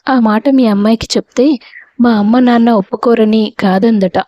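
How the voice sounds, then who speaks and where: A woman's voice: on the high side, fairly even intonation, normal speed, dark tone, no echo, dull audio, close to an everyday voice. A woman voicing a lovesick young woman who hides her feelings and pleads earnestly for her friend.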